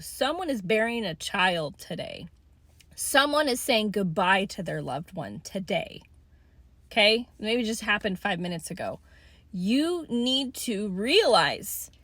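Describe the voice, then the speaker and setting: Blunt ranting woman, bright voice. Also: fairly high pitch, dry recording. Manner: blunt, swearing, tough-love lecturing with repeated "okay?". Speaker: vlogger. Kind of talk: ranting monologue to camera.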